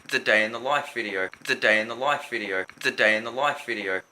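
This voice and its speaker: A man's voice: mid-range voice, quick pace, sharp tone. A man joking around while filming a home video with his band, recorded as old camcorder audio. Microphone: camera mic held away.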